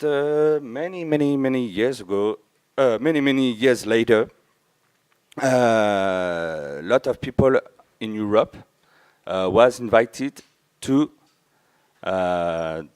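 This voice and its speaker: A native French speaker from France, with a French accent, gives an informal conference talk in halting English, frequently searching for words. His lowish voice has a clean tone. He stands at the front of a large auditorium with only a few listeners.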